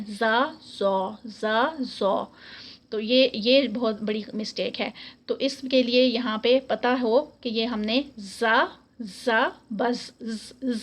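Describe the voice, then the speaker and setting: A woman teaching an online Quran recitation lesson, patiently repeating each letter sound slowly. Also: a little high.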